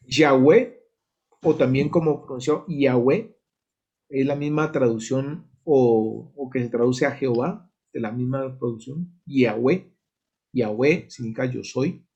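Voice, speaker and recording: A man's voice: mid-range voice, dark tone, slightly rough, dull audio. A man with a Colombian Spanish accent teaching a church Bible study, explaining step by step and checking in with the class. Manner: explanatory, asks "¿sí?" to check understanding.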